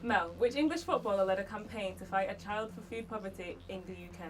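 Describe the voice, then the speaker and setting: A woman hosting a scripted quiz show, reading out the questions briskly with a few stumbles. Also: mid-range voice. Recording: distant mic with faint music behind.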